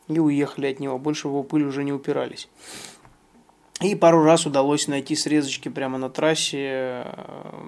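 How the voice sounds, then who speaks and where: A man, a rally co-driver, giving a halting post-stage account with many filler sounds and frequent throat clearing. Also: mid-range voice, a little mellow.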